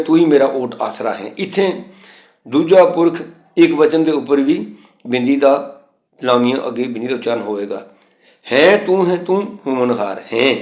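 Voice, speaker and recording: A man teaching correct pronunciation of scripture, reciting verses slowly and then explaining the grammar point by point. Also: medium pitch, a little mellow, roomy sound.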